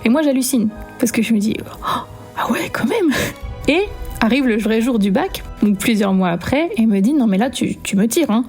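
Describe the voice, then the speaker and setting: A woman's voice: a little high, brisk, hardly any pauses, dark tone, soft background music. Woman recounting her own strange story. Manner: conversational, re-enacting dialogue with many fillers. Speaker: guest telling her own paranormal story. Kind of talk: spoken personal testimony.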